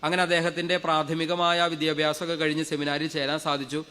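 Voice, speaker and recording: Fast-preaching priest in a reverberant hall. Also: male voice, a little high, flat delivery, smooth. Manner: fervent, leads congregation in loud hallelujahs. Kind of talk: sermon storytelling.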